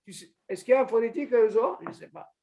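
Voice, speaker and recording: A man teaching an informal religious lesson to a small group, animated, asking questions and calling on a student by name. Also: very high voice, very fast, creaky, narrow, tinny audio. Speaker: Torah teacher.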